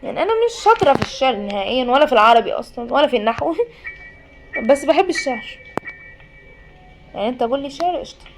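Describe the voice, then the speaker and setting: A woman's voice: high-pitched, expressive, fast, pauses often. A woman with an Egyptian Arabic accent giving chatty, jokey commentary on a horror game, often pleading with the game and talking to it. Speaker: gaming YouTuber. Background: game music.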